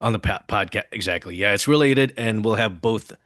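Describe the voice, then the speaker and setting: A man co-hosting a podcast, talking in an easygoing, halting way. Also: fairly low pitch, a bit bright, no room sound, clean studio sound. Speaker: podcast co-host. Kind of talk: casual reaction chat.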